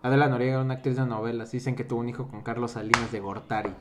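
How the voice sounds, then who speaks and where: A man talks casually with a friend in a relaxed way. His voice sits at an ordinary pitch, and he often lets sentences drift quieter at the ends. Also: rapid-fire, over a noisy crowd. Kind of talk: casual chat.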